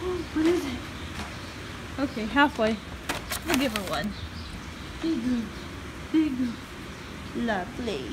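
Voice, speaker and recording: This young woman vlogs casually from a horse barn partly outdoors in rain, her slightly high voice lively in intonation but slow, with frequent pauses. She laughs often while filming herself on a phone at arm's length, and barn noise fills the phone audio.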